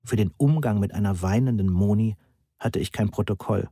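A man reading a novel aloud in the first person in an even, measured way. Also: fairly low pitch, husky, no echo, studio quality. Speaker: audiobook narrator.

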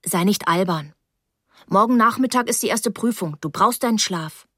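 A woman voicing a calm, sensible young man in a storybook reading, speaking firmly. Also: medium pitch, normal speed, breathy edge, no echo, clean studio sound.

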